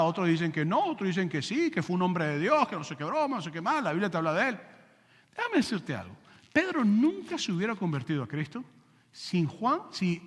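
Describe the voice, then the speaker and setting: A man preaching a sermon as pastor, animated, asking rhetorical questions and acting out scenes. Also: sits high. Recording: long church hall reverb.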